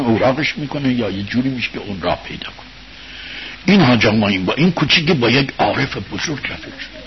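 Man, low voice, religious storyteller, loud-then-soft delivery, dull lo-fi recording, faint hiss. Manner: conversational, swings between loud bursts and quiet murmurs. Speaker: religious speaker addressing an audience. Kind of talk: informal storytelling talk.

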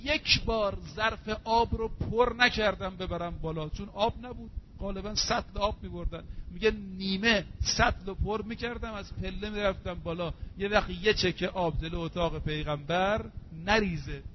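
High-voiced preacher, dull recording. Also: male voice. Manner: recites Arabic verses slowly, then explains in everyday speech. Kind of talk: sermon. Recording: dull lo-fi recording with faint hum.

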